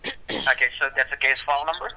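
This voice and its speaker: A man speaking in a repetitive, formal, halting call-center manner as a scripted phone caller posing as an official, over a thin phone line. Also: medium pitch, gravelly, pushed and bright. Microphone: telephone call.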